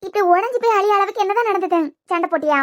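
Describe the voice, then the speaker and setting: A woman voicing a gentle elderly grandmother in a cartoon series, speaking with a Kanyakumari accent in a coaxing, motherly, scolding way. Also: extremely high pitch, very fast. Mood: soothing. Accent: Kanyakumari Tamil. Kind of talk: cartoon web series voice acting.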